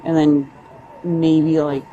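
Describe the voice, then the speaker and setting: A woman being questioned by police, giving a casual account in a halting, hedging way that trails off. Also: deep voice, level tone, warm tone, highs cut off. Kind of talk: casual spoken account to an officer. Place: outdoors at a roadside. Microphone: police body camera worn by another person. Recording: noisy roadside bodycam with vehicle sounds. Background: traffic and outdoor ambience.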